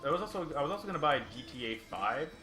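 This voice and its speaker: A young man chatting casually about games and shows beside a player, rambling and animated. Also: a little high, rapid-fire. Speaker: co-commentator. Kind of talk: casual gaming chat. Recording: echoey room with music.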